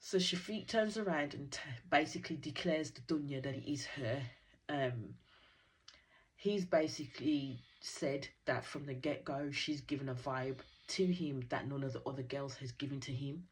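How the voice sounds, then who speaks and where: Woman ranting about a reality show, low voice, casual and sassy, lots of slang. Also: normal speed. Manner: opinionated, chatty, slangy, sarcastic asides. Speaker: reality TV reaction host. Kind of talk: casual recap commentary.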